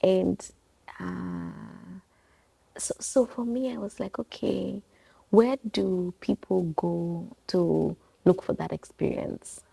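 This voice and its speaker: Recorded in low quality, a Kenyan bookstore owner speaks slowly in a low, creaky, warm voice that's a little rough. She's being interviewed informally in her shop, which doubles as a coffee bar, and her reflective answers ramble, wander and loop back to correct themselves.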